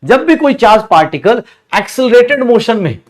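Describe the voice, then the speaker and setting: Male online teacher with a high voice, repeats questions aloud and answers them himself, blends English science terms into Hindi. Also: sing-song, normal speed. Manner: calls students beta and bhaiya. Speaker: chemistry teacher. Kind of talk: online lecture.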